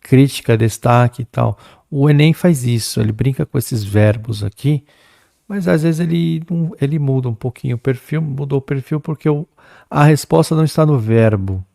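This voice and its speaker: Gravelly Brazilian teacher man, chatty. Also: medium pitch, no echo, studio quality. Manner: lively, chatty, talks to students, reads English aloud slowly. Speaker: English teacher. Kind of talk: exam-prep lesson.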